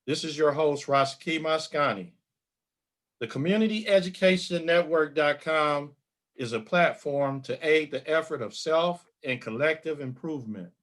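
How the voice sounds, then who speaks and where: A middle-aged man hosting a community podcast interview, speaking in a measured, formal way. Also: on the high side, fairly bright tone. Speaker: podcast host.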